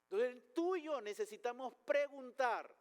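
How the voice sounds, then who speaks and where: A male pastor preaching a sermon in a high voice that rises and falls with animated swings. He speaks emphatically and poses rhetorical questions. The sound carries the long reverb of a church hall. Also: measured pace.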